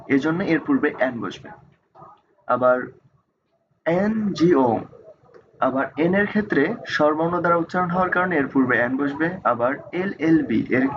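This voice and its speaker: A man teaching an English grammar lesson, speaking slowly and deliberately with frequent pauses and fillers. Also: a little high, slight background noise. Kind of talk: slow explanatory lesson. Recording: dull lo-fi recording with faint ambience.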